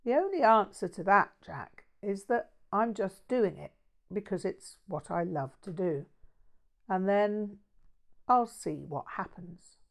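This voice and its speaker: Woman playing a gentle wordy scholar guy in an audiobook, unhurried, bookish, careful. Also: medium pitch, expressive, vocal fry. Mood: mild, earnest. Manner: measured, precise, bookish. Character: mild, erudite Buddhist man, earnest and wordy.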